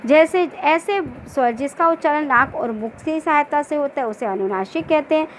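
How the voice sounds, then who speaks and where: A woman teacher with a high voice walks through a grammar lesson. She poses questions and answers them herself, repeating each point slowly and stretching the example words. A faint noise sits under the recording. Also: lively intonation, low-quality recording. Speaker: school teacher.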